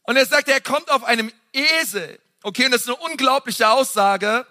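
A man preaching a sermon, passionate and emphatic, talking straight to his listeners in a casual way and swinging between loud and soft. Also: very high voice, moderate pace. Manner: casual, direct address to the audience.

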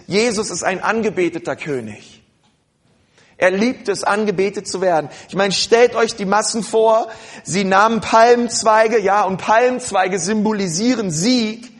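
High-voiced German-speaking preacher. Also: male voice. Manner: addresses congregation directly, calls for responses; shifts into quiet prayerful tone at times. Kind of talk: sermon.

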